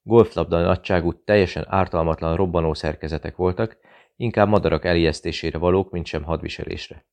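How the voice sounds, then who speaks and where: Deep gravelly male audiobook narrator. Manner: measured, even reading. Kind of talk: scripted narration.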